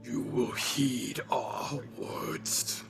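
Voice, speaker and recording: A man playing a tabletop character who speaks in a demonic whispering voice, drawn out slowly with a gravelly, breathy tone. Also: mid-range voice, fairly bright tone, soft background music, full character voice. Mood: menacing. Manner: slow, drawn-out threats. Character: menacing demonic voice of a patron-aided warlock. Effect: demonic whispering voice, as if speaking with a patron. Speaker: player. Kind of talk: tabletop role-play character voice.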